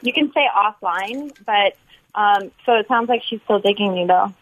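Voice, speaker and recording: A woman's voice: medium pitch, moderate pace. A woman in her thirties, a guest on a podcast, chatting in a teasing, playful and curious way. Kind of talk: casual chat. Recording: thin phone-like sound.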